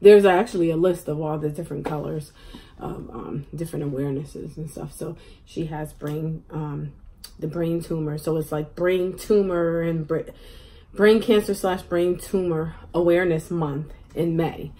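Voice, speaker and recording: A woman's voice: deep voice, fairly even intonation, moderate pace, warm tone, low-quality recording. A woman chatting casually to camera at home as she eats for a mukbang video, rambling with lots of fillers. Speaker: mukbang vlogger. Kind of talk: casual chat to camera while eating.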